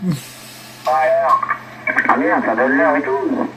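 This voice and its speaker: A man's voice: mid-range voice, takes it slowly. A man in his forties, a CB radio operator, chatting casually and swearing now and then, heard over CB radio. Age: 40s. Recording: hissy CB radio signal.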